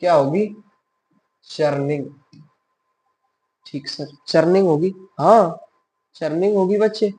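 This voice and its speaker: Male teacher with a high voice, giving a biology lesson, quizzing the class and answering himself softly. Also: takes it slowly, pauses often. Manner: asks questions and answers them himself in a softer voice; mixes in English science terms.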